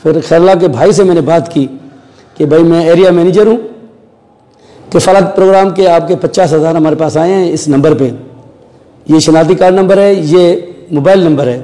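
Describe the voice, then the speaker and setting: A man's voice: a little high, moderate pace, dark tone, big-room sound, low-quality recording. A man recounting events in a news interview, acting out the dialogue he quotes in a storytelling way.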